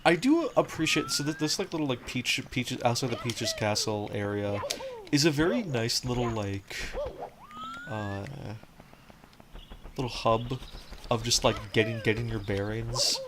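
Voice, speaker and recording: A man's voice: medium pitch, wildly swooping pitch, measured pace, noisy background. A man giving casual, rambling commentary while he plays a game, full of "like" and restarts. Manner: rambling, fills talk with "like", frequent restarts. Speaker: game streamer. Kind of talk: casual let's-play commentary. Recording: game music playing behind.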